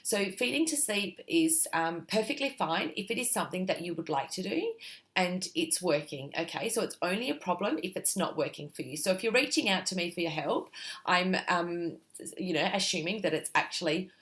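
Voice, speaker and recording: A woman explains baby sleep routines to camera. Her voice sits slightly low, and her manner is relaxed and reassuring, with frequent "okay?" check-ins. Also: moderate pace. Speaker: parenting sleep consultant. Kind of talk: talking-to-camera advice video.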